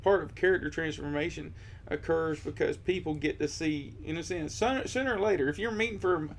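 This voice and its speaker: A man on a ministry team, talking through ideas in an earnest, halting way on a podcast. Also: on the high side, a little hiss or hum. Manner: earnest, halting, rephrases mid-thought. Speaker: discipleship ministry team member. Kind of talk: conversational podcast discussion.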